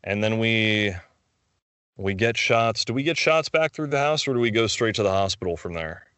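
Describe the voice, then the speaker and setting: A man's voice: lowish voice, expressive, moderate pace, fairly bright tone, smooth, no echo. A man in casual conversation, retelling film scenes and acting out the characters' lines.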